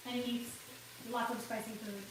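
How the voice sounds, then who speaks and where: A chatty, rambling livestream host talks casually while cooking at home, laughing often and sniffling with a runny nose. Her slightly high voice has little pitch movement and a moderate pace. The recording is echoey and distant, with background noise.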